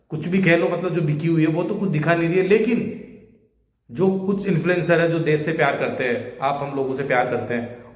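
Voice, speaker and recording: Guy going off in an urgent rant, kinda high voice, echoey room. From India. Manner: urgent, pleading, rhetorical appeals. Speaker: social media creator. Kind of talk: impassioned monologue to camera. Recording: echoey room with long reverb.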